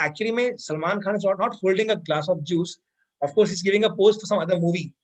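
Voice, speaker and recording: A man with an Indian accent teaching vocabulary in an online class, switching between Hindi and English and repeating words. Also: sits high.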